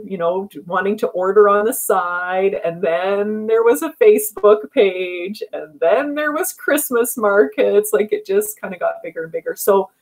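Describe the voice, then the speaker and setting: A chatty woman being interviewed, talking at an ordinary mid pitch. She tells her stories with animation and laughs often between them. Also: a little mellow, poor audio. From Canada. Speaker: guest. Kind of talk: casual interview chat.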